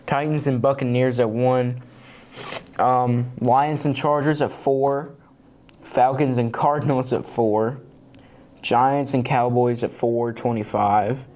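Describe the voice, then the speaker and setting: A man's voice: mid-range voice, slow pace. A man co-hosting a casual sports podcast, sleepy and yawning, laughing easily as he reads out the week's games. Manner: relaxed, laughs often, reads out schedules. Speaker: podcast co-host.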